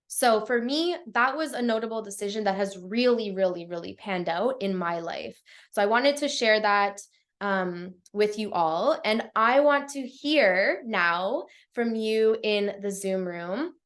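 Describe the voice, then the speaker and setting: A woman's voice: mid-range voice, lively intonation, measured pace, fairly bright tone. A woman coaching live over a video call, talking casually with lots of fillers and some swearing. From Canada. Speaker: life and business coach. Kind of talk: live-streamed coaching talk. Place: Portugal.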